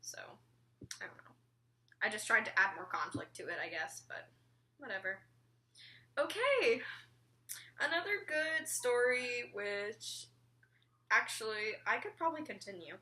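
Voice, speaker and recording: A teenage girl chats through a casual vlog with a bright, clear tone. She rambles, throws in lots of "like" and "um", and swears offhandedly. Her pitch sits in the middle for a woman. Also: lively intonation, moderate pace. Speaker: vlogger.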